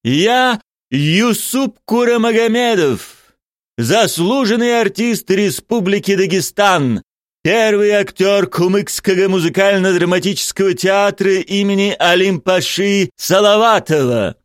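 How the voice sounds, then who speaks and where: A vain male actor full of his own importance, declaiming each phrase as if from a stage, pitched high above the narrator's own voice, as a male reader puts him on. The sound is close and dry, with no room around it. Every line comes out grand and self-important. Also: unhurried, dry recording. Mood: grandiose. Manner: theatrical, declaiming.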